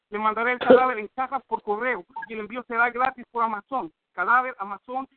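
A man's voice: very high voice, no echo. A man from Northern California spitting boastful, aggressive insult rhymes in a rap battle over the phone. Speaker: battle rapper. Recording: tinny dry phone line.

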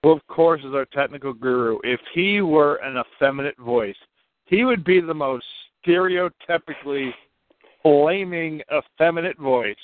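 A man's voice: on the high side, moderate pace, no room sound. A man co-hosting a radio show with casual, teasing banter, repeating phrases for emphasis. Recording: narrow phone-like sound.

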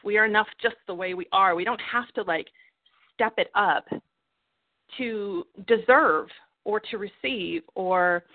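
A woman's voice: medium pitch, measured pace, no echo. A woman coaching and encouraging others on a group phone call, earnest and heartfelt. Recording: tinny phone line, dry.

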